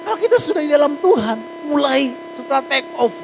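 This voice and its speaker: A pastor preaching to his church in a high, bright voice, chatting and joking between points and acting out little everyday scenes. A steady electrical hum runs beneath the recording. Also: a little fast. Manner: lively conversational preaching, jokes and acted asides. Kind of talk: sermon. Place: church hall.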